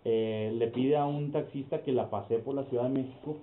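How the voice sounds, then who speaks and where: A man's voice: medium pitch, steady tone, fairly quick. Mexican male podcast co-host, casual storyteller, boxy phone-like audio, roomy and faintly noisy. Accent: Mexican Spanish. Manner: storytelling with acted quotes. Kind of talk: casual chat.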